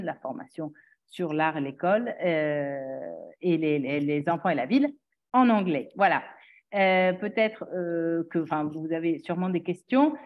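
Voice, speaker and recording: A woman gives an informal presentation of a teacher training programme, hesitating and rephrasing as she goes. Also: lowish voice. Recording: dull, band-limited sound.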